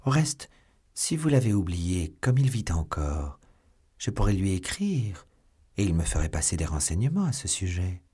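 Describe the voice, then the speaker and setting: A sardonic, steely English nobleman, as a male audiobook reader voices him. The voice is deep and husky, close to the reader's own. He speaks in a measured, quietly mocking tone. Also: sing-song, heavily acted. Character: stern English baron, sly and mocking. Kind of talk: audiobook character voice.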